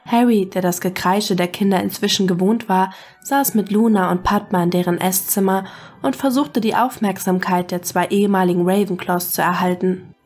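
A woman reads a fan-fiction story aloud in a steady, even narrating voice. Her pitch sits in the middle range. Quiet music plays under her. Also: moderate pace. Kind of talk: scripted narration.

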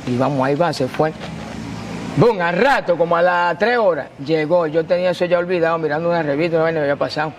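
Guy telling his story all animated and slangy, kinda high voice, faint noise behind. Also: fast talker. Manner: animated, slangy, acts out quotes. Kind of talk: casual storytelling.

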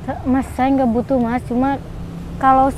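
A woman's voice: sits high, little pitch movement, normal speed, background noise, lightly acted. A woman playing a frightened young female coffee seller who pleads and insists. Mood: pleading.

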